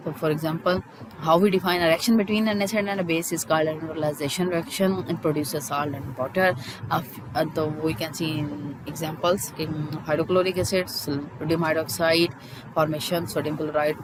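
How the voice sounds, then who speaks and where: A chemistry teacher explains textbook points in a halting way, repeating key terms as in a school lesson. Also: mid-range voice, background noise.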